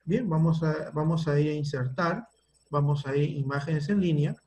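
Male teacher with a Peruvian Spanish accent, patient, walks the class through each step on a video call, slightly higher voice. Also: moderate pace, mellow. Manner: patient, thinks aloud while working the screen. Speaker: computer teacher. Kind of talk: online class, guiding a word-processing task.

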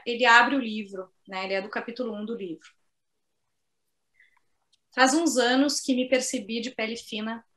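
Middle-aged woman, poet on a webcam call from home, a bit high-pitched, chatty, reads poems slow. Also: a bit bright. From southern Brazil. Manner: chatty, sprinkles tag questions, reads poems slowly. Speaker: poet and author. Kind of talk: book launch talk and poetry reading. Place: home office on a video call.

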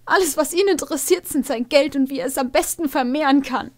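A stubborn young princess mare from a storybook, put on by a woman reading aloud. She speaks high, loud and emotionally, her voice climbing well above the reader's own. She sounds tearful and headstrong. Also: fairly quick, close to an everyday voice. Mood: upset.

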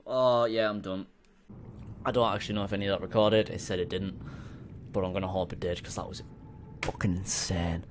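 A man's voice: low-pitched, fairly even intonation, fairly quick, pauses often, noisy background. A young man with a Teesside accent commentating a VR game, nervous and jumpy, swearing and yelping when startled. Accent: Teesside English. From Middlesbrough, England. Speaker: gaming YouTuber. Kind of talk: VR gameplay commentary. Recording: game music clearly behind the voice. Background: game music.

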